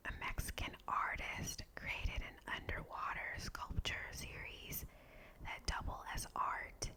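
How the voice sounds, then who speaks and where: A woman whispering in a breathy, unvoiced ASMR style as she hosts and reads out short facts. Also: slow. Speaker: ASMR video host.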